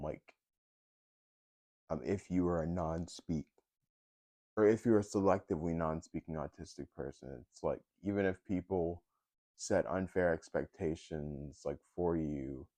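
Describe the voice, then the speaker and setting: A man's voice: deep voice, mellow, no echo. A young man talking in a casual personal vlog, hesitant, with many fillers and restarts. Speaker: vlogger.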